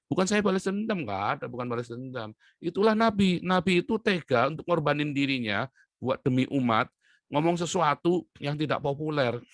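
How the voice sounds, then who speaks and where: A man's voice: lively intonation, moderate pace, no room sound. Heated man ranting to viewers, dry sound. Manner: impassioned, swings between loud outbursts and low muttering. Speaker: online commentator.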